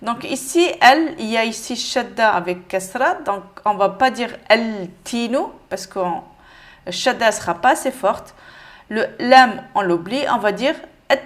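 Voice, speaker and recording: Une femme qui donne un cours de lecture avec patience, en répétant lentement chaque mot. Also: female voice, on the high side, expressive. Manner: patient, repeats each word slowly. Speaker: Arabic reading teacher. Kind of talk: step-by-step lesson.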